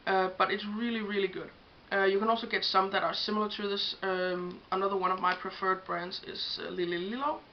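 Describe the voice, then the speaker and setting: Brisk and barely pausing, a young Danish makeup vlogger speaks with a steady, medium-pitched voice and a Danish accent, English being a second language for her. Even so, her casual tutorial on makeup brushes is chatty and hesitant, peppered with ums as she presents products. Faint hiss colors the dull, lo-fi home recording.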